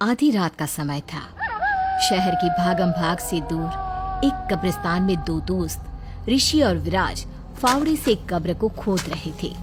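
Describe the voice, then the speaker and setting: A woman with a lowish voice narrates a scripted horror tale in a dramatic storytelling manner. She leans hard on the frightening moments. Loud background music plays under her narration.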